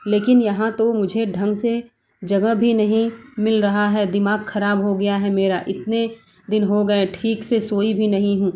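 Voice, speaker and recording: A woman's voice: mid-range voice, little pitch movement, a little slow, dark tone, natural voice. A woman voicing an anxious, sleepless young daughter-in-law in a cartoon story, speaking in a pleading, fretful way.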